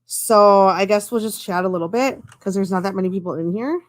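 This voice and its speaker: A woman's voice: mid-range voice, fairly quick, dry recording, studio quality. A woman hosting a casual live-stream chat, rambling along with lots of fillers. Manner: chatty and rambling, with many fillers. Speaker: stream host.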